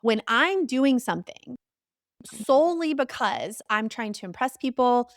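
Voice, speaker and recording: An emphatic young adult woman talks as a podcast guest, repeating key phrases to drive her points home. Her voice sits fairly high. The recording is close and dry, with no room sound. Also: lively intonation, a little slow, dry recording. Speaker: podcast guest, somatic coach. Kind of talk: conversational podcast interview.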